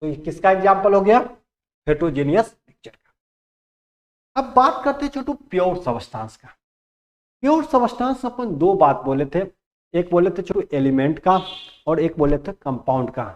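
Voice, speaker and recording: A man's voice: high voice, big pitch swings, normal speed, long pauses. A man teaching chemistry in Hindi, who asks the class questions and answers them himself and mixes in English terms. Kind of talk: classroom lecture.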